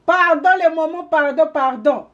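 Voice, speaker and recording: A woman with a fairly high voice recounts a personal story to her viewers in a loose, chatty way. She stumbles and repeats herself often and mixes in English phrases as she goes. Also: moderate pace, lo-fi sound. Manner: animated, many hesitations and repeated words, slips into English phrases. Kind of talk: casual anecdotal storytelling.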